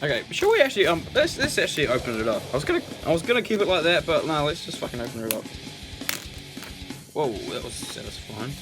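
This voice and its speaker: Young male vlogger, excitable, foul-mouthed, wildly swinging pitch; music underneath. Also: quick pace. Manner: excitable, loud bursts and heavy swearing. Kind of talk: casual unboxing vlog.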